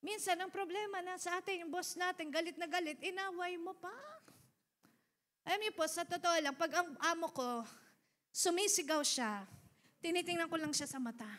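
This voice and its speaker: Woman pastor, middle-aged, high bright voice, lively sermon delivery with loud and soft turns. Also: moderate pace. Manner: animated, laughs often, swings between loud exhortation and soft asides. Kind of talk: Taglish sermon with congregation prompts.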